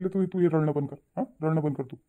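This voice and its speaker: A man's voice: fairly high pitch, quick pace, narrow, tinny audio, close to an everyday voice. A man voicing a patient middle-aged village father in a cartoon, coaxing and lecturing his wife. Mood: reasoning. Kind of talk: cartoon voice acting.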